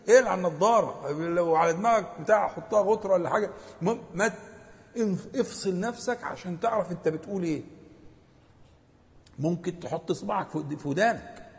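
A man's voice: sits high, creaky. Egyptian man teaching in a hall. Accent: Egyptian Arabic. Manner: lively and emphatic, with many stammered restarts. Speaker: religious teacher. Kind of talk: religious lesson to a group. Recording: long hall reverb.

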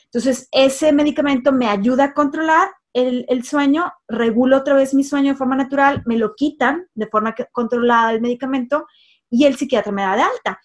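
A somewhat high-voiced woman recounts her own life as a life coach. She talks casually, repeats words for emphasis and fills pauses with "em" and "este". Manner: emphatic repetitions and frequent fillers. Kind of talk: personal life story told casually.

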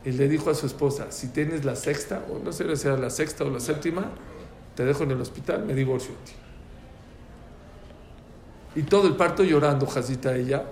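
A man with a rather high voice teaches a religious prayer class, speaking fairly quickly with frequent pauses. He is animated, telling stories and acting out the voices in his anecdotes. The echoey room has faint ambience, plus a little hiss or hum.

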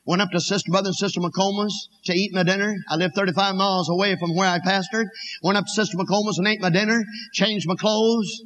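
With an Appalachian accent and a high, slightly bright voice, a man preaches his personal testimony as a folksy, dramatic story, acting out the dialogue. The audio is dull, with noticeable background noise.

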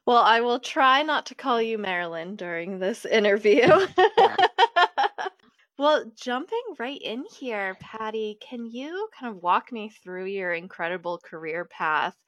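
A woman's voice: mid-range voice, expressive, moderate pace, hardly any pauses, fairly bright tone, no room sound. A woman hosting a podcast, reading a scripted introduction and interviewing her guest in an upbeat, enthusiastic manner. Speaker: podcast host, editor.

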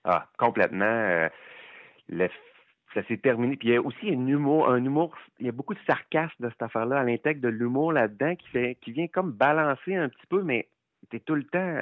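A man with a Québécois accent reviewing documentaries in casual podcast chat, enthusiastic and halting with many fillers. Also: mid-range voice, no room sound. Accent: Québécois French. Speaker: film critic guest. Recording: tinny phone-like line, dry.

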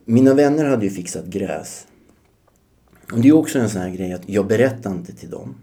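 A man's voice: lowish voice, lively intonation, mellow. A man in his forties, a podcast guest telling his life story in a reflective way, often hesitating. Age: 40s. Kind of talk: personal storytelling.

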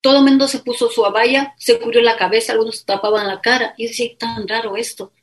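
Woman telling a travel story, bright pitch. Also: fast talker. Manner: lively anecdotal telling with quoted dialogue. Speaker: guest. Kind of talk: casual storytelling in an interview.

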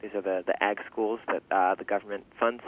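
A young man with a fairly low voice answers interview questions casually. He speaks haltingly, working out his thoughts aloud and circling back over words. The sound is narrow and thin, like a telephone line. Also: steady tone. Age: 20s. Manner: halting, thinking aloud with restarts and repeated words. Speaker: interview guest, farm founder and language teacher.

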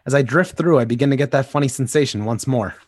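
In an amateur comic dramatic reading, a male podcast co-host takes the role of a grown-up superhero looking back with nostalgia, speaking a wistful, earnest monologue in first person. He talks fast at medium pitch in a natural voice, with clean studio sound and no room sound.

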